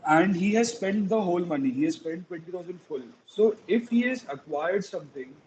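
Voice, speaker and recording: A man's voice: sits high, animated, brisk, darkish tone, muffled recording, slight background noise. A young man with an Indian accent speaking as a student in class, hesitant and deferential as he puts a question. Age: young adult.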